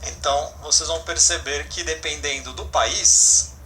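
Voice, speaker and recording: Male English teacher, fairly high and bright voice, patient explainer, faint background hiss. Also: fairly even intonation, moderate pace, soft background music. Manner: explanatory, frequent "né?" and self-corrections. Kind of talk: online class explanation.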